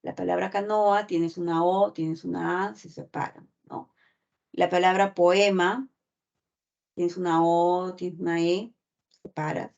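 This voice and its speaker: A woman's voice: on the low side, little pitch movement, slow pace, vocal fry, a little mellow. A woman teacher giving a class lecture, explaining step by step and checking in with constant tag questions. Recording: dull lo-fi recording.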